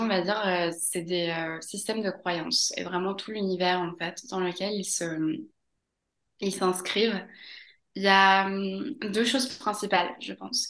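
A woman's voice: mid-range voice, a bit bright, reverberant. A woman from Mexico, a podcast guest talking casually, hesitating with many fillers and laughing often. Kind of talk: casual interview.

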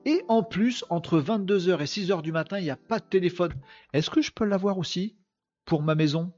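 A man's voice: high voice, normal speed, darkish tone, highs cut off, faint music behind. A man hosting a daily live web podcast, joking and interrupting himself while chatting with his audience. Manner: joking, self-interrupting, talks to chat. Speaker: podcast host. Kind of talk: casual live commentary on news.

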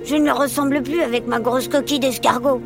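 A woman voicing a cheerful young boy hermit crab in a children's story, excited and chatty. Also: sits high, fast talker, over music, voice pushed up. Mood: worried.

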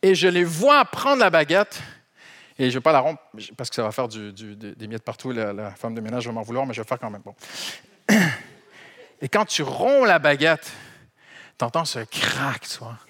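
A middle-aged Canadian French pastor preaches a sermon to his congregation. He talks in an animated, conversational way. He slips humor and small repetitions in among his points. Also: mid-range voice, normal speed, long pauses. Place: church hall.

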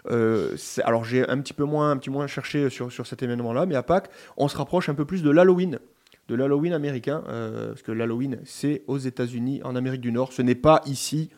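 A man's voice: mid-range voice, fast talker, a little mellow. A man presenting his column on a radio talk show, chatty and digressive, with many restarts and fillers.

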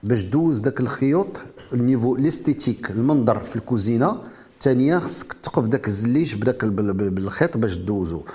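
A man with a Moroccan Arabic accent presents a product in an interview. He talks quickly at a middling pitch and drops French technical terms into his explanation. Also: expressive, a little mellow.

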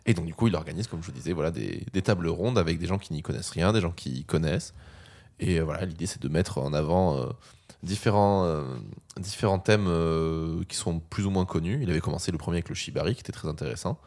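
Fast-talking deep-voiced man host. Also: a little mellow. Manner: quick, chatty, many fillers. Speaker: podcast host. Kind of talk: casual chat.

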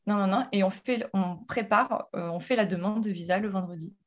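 In a relaxed interview, an entrepreneur from France in her thirties recounts her journey with animated energy, frequent fillers, and false starts. Her pitch is medium and her pace slightly quick.

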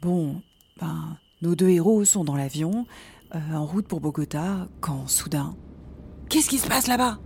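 A woman's voice: sits low, animated, measured pace, creaky, dark tone, slight background noise, heavily acted. A woman playing a bored, grumbling camper. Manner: grumbling, then whispering the story. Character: bored young woman storyteller at a campsite.

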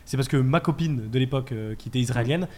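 A young man co-hosting a casual chat, talking in a slangy, animated way. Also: mid-range voice, fast. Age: young adult.

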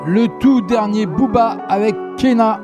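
A man hosting a live evening radio show, chatty and joking with listeners, his voice going hoarse. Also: sits high, measured pace, dull audio, music in the background. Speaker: radio host. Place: radio studio.

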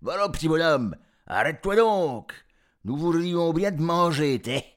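A man voicing rough, hungry peasants calling out loudly. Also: a little high, expressive, a little slow, voice pushed up. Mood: coaxing.

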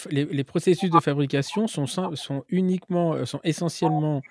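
A man's voice: a little high, brisk, no echo, clean studio sound. A man hosting a podcast, asking long, hesitant questions full of restarts. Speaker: podcast host. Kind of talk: casual podcast interview.

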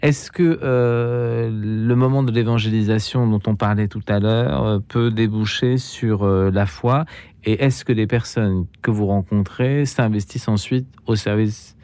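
Guy hosting a radio phone-in, fairly low voice, polite, chips in a lot, dry studio sound. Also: fairly even intonation, measured pace, darkish tone, smooth, no room sound. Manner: courteous, interjecting often. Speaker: radio host. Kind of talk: hosting a call-in interview.

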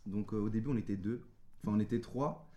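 A man's voice: on the low side, steady tone, quick pace, warm tone, highs cut off. A young man in a casual group chat, hesitant and full of fillers. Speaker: streamer and co-founder.

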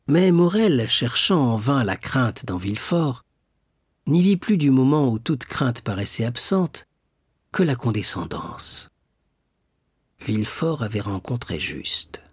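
A man narrating a classic novel as an audiobook, measured and expressive. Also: medium pitch, husky, dry recording, studio quality.

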